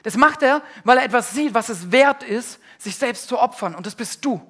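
Male preacher giving a sermon in church. Emphatic and slangy, with loud bursts and quiet, confessional stretches. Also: very high voice, lively intonation, normal speed. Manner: emphatic, swings between loud outbursts and hushed confessions; colloquial, slangy. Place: church service before a congregation.

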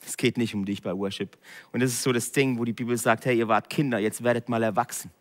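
A man, preaching a direct sermon that swings between hushed and loud emphatic passages. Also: mid-range voice, fairly even intonation, a little fast, long reverb tail. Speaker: pastor.

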